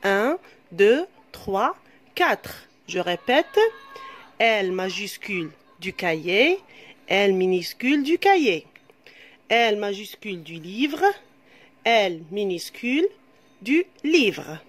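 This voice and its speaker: A woman's voice: mid-range voice, very animated. A woman teaching a reading lesson to young children, patient and repetitive, asking questions as she goes, with an Algerian French accent. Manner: slow, patient, repeats and asks questions to pupils. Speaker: primary school teacher.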